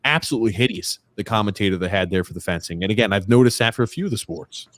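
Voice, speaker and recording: A man's voice: on the low side, rapid-fire, a bit bright. A man hosting a casual sports talk show, chatty and reading out viewer comments. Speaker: host.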